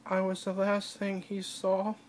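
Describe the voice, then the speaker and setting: Crying woman, flat halting voice. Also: medium pitch, a little hiss or hum. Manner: halting, with broken-off restarts. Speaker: vlogger. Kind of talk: personal video diary.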